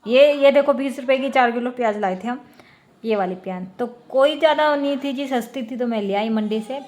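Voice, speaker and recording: A woman's voice: on the high side, fairly quick, darkish tone, lo-fi sound. A woman in her thirties chatting to viewers as she does household chores in a casual family vlog. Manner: chatty, showing chores while talking to viewers; laughs often while talking. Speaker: family vlogger. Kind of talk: casual home vlog narration.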